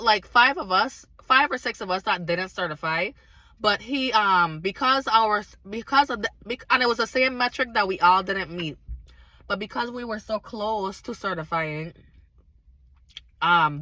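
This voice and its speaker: Still getting over being sick, a woman with a somewhat hoarse, raspy voice tells her faith testimony on her vlog, speaking directly and earnestly to the audience in a casual yet emphatic manner. Her voice is mid-range at normal speed, bright and forceful, recorded close and dry without room echo.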